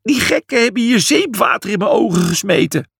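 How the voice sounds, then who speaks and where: Male reader voicing a whiny, cheeky young pig for a storybook; high, lively, panicky, slightly gravelly. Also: moderate pace, exaggerated voice.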